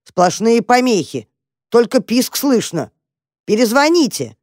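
A woman voicing a gruff, indignant man shouting into a phone. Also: fairly high pitch, very animated, normal speed, no room sound, studio quality, voice pushed up. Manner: bellowing, indignant.

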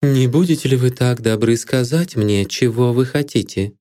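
A man's voice: medium pitch, moderate pace, mellow, close to an everyday voice. A man voicing a proud, cool young woman who turns feverish under questioning, read as an audiobook figure. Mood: cold, scornful. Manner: cool and scornful, rising to feverish alarm.

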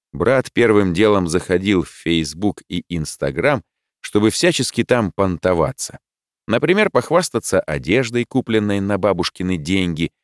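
A man narrating a first-person novel in a wry, expressive way. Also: low voice, no room sound, clean studio sound. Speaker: audiobook narrator.

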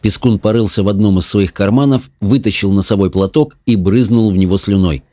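A man reading an audiobook in an even, measured manner. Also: lowish voice, no room sound, clean studio sound. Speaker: narrator. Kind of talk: audiobook narration.

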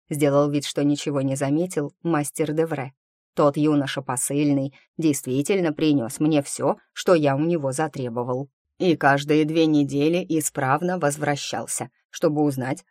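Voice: mid-range voice, normal speed, darkish tone, no echo, studio quality, lightly acted. Чтец изображает старого мага-наставника, сдержанного и немного насмешливого, в аудиокниге. Он размеренно и ровно рассказывает о случившемся. Голос звучит сухо и близко, почти без отзвука комнаты. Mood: recounting. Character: old male magic master, wry and guarded. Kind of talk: audiobook character reading.

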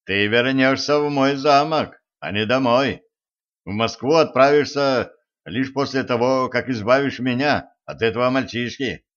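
A man's voice: medium pitch, unhurried, a bit bright, pitched above the performer's own voice, close to an everyday voice. A man voicing an old, world-weary sorcerer-villain with dry, sarcastic drawling remarks, on a dull lo-fi recording. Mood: grumbling.

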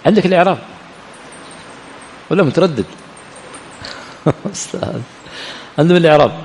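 Man, teacher, fairly high voice, asks students questions then answers them, long reverb, faint background ambience. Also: animated, a little fast, a little mellow, slight background noise. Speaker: teacher of hadith and grammar. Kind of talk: classroom lesson with questions to students. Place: lecture hall of an Islamic study center.

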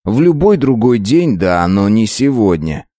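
A man narrating a first-person story in a measured, dramatic reading. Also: on the low side, big pitch swings, mellow, no echo.

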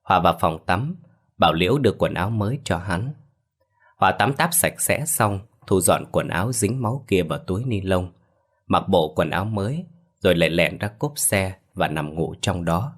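A man narrating a scripted horror story in a steady, matter-of-fact way. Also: deep voice, moderate pace.

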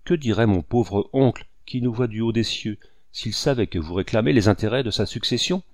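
A man's voice: lowish voice, brisk, a little mellow, no echo, clean studio sound, natural voice. A man voicing a sly, miserly old man who pleads and protests, in an audiobook reading. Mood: protesting. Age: older.

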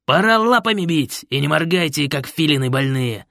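A man doing a loud, brash biker designer. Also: fairly high pitch, animated, moderate pace, vocal fry, dry recording, studio quality, voice pushed up, full character voice. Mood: boisterous. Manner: slangy, bossy and boisterous. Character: brash loud male biker designer Fred, pushy, jovial. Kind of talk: audiobook character voice.

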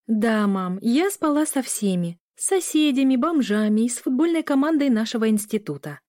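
A woman's voice: high-pitched, lively intonation, normal speed, dry recording, clean studio sound, pitched above the performer's own voice. A woman doing an exasperated young bride. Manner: sharp, exasperated retorts.

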